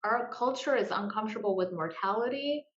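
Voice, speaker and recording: A woman speaking earnestly and emotionally as a guest in an interview, with pauses and repeated words. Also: fairly high pitch. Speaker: guest, grief support group founder. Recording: roomy, dull lo-fi sound.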